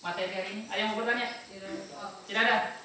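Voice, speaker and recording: A man's voice: sits high, fairly even intonation, very fast, bright, forceful tone. A male teacher leading a classroom lesson, giving short directions and often repeating commands. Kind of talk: classroom instruction. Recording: echoey room from far off, noisy.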